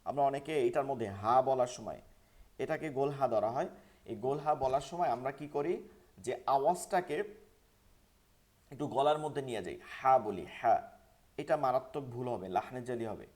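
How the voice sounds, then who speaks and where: Man, Bangladeshi Bengali accent, online Quran class, slow repeated drills, mid pitch. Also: darkish tone. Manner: repetitive drilling, call-and-response recitation. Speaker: Quran recitation teacher. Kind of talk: online class teaching Arabic pronunciation. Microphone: online class microphone.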